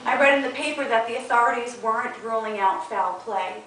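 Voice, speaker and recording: A woman works through a stand-up set, chatty and self-mocking, often laughing at her own lines. Her voice sits high. The sound is very echoey and distant, with clear room noise behind her. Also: fairly quick. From Long Island, New York. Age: 40s. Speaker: stand-up comedian. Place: comedy club stage.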